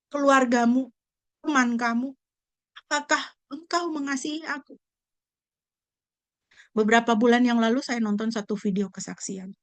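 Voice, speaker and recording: A woman pastor preaching a sermon, animated and full of rhetorical questions. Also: fairly high pitch, normal speed, pauses often, dry recording. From Indonesia.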